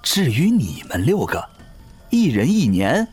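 A man voicing a cruel, gloating undying seducer in an audio drama, speaking in a slow, sneering, mocking way. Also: medium pitch, wildly swooping pitch, a little mellow, slightly rough, soft background music, full character voice. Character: ageless male river-god servant, cruel gloating seducer.

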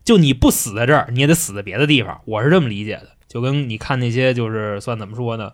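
A man retelling a classic tale in casual chat, lively and full of sound effects. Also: medium pitch, quick pace. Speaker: podcast storyteller.

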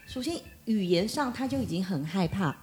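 一位三十多岁的女人在播客中闲聊，讲自己带孩子的经历，常模仿别人说话的语气。. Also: female voice, mid-range voice, normal speed, a little hiss or hum. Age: 30s. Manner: animated storyteller acting out quoted dialogue. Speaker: podcast guest. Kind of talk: casual chat.

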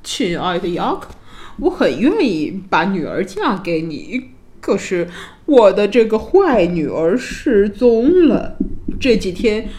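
A woman's voice: mid-range voice, darkish tone. A woman storyteller voicing a greedy, sly old king in a storybook tale, with a sarcastic, mocking manner.

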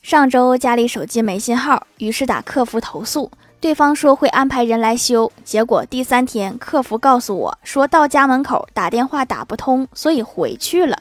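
A woman with a somewhat high voice narrates a string of short comic anecdotes. She reads them in a storytelling way and chuckles softly when a punchline lands. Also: expressive, normal speed, few pauses. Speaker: joke narrator.

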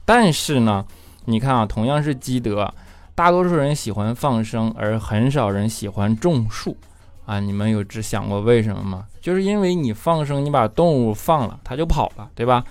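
A man's voice: mid-range voice, lively intonation, moderate pace, no room sound. A man hosting his own comedy talk show, teasing and chuckling as he talks. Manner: joking, teasing, chuckles often.

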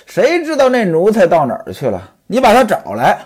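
A storyteller lending a slightly husky voice to a domineering, scheming young mistress in a spoken tale. She barks orders and scolds her servants with a tone that swoops up and down. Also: medium pitch, wildly swooping pitch, a little fast, a little mellow. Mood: bossy. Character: scheming sharp-tongued young mistress, a woman.

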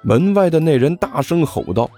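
A man narrates a comic audiobook with a husky, lively voice. His pitch moves widely as he tells the story. Faint background music plays under him. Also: moderate pace. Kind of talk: audiobook narration, voicing all parts.

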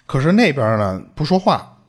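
A man's voice: medium pitch, normal speed, breathy edge. A man, hosting a podcast and retelling a listener's eerie story in casual chat, acting out quoted lines and swearing. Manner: animated, swearing, acts out quoted speech.

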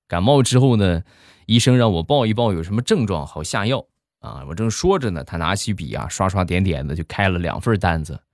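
A man's voice: deep voice, a little fast, no room sound, clean studio sound. A man hosting a show, telling comic stories in a chatty way. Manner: chatty, animated. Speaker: joke-telling host. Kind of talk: comic storytelling.

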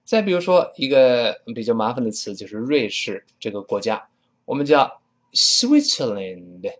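Male English teacher, lively pitch, drills phrases. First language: Chinese. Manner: drills phrases slowly, spells letters aloud, models pronunciation. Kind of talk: spoken English pronunciation lesson.

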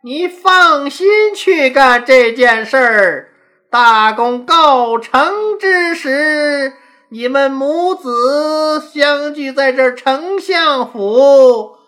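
A woman voicing a sly, smug old male chancellor who talks in a slow, drawn-out, coaxing way. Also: high voice, lively intonation, a bit bright, voice pushed up, heavily acted.

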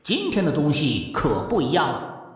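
A man voicing a showy male auctioneer in an audiobook, hyping the crowd in a drawn-out way. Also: a little high, wildly swooping pitch, pitched above the performer's own voice. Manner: drawn-out, showman's hype. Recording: echoey hall effect over the loudspeaker.

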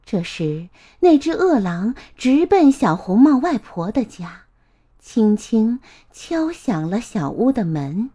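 A woman narrating a children's story in a gentle, expressive way. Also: a little high, takes it slowly.

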